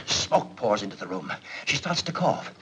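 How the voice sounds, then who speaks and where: An actor playing an excitable middle-aged businessman boss in a 1940s film, blustering and theatrical. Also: fairly low pitch, normal speed. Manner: blustering, theatrical, swings from loud to hushed. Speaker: company boss. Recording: old film soundtrack with faint hiss.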